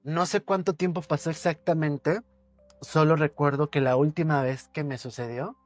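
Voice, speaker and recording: A man, a podcast guest telling a personal ghost story with suspense, repeating words and dropping his voice low. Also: fairly even intonation, normal speed, faint music behind.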